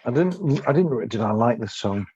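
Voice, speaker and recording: A man on a chatty podcast, thinking aloud in halting, rambling bits full of ums. His pitch moves around a lot, and the recording sounds a little dull and muffled. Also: animated, darkish tone, breathy edge. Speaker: podcast co-host. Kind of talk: casual chat.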